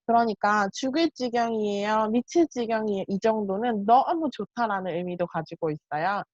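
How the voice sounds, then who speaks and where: A woman teaching a language lesson, explaining each point slowly and repeating example sentences. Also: medium pitch, no echo. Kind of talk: Korean grammar lesson. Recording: dull, muffled lo-fi sound.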